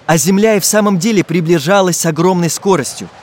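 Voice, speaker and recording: A man reading a children's fairy tale aloud in an expressive storytelling way. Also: sits high, fast. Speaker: audiobook narrator. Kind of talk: scripted narration.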